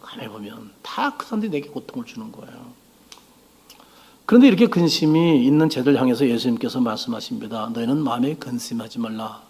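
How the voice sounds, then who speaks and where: A man preaching a sermon as pastor, swinging between loud exclamations and hushed low lines. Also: expressive, fast talker, creaky, husky.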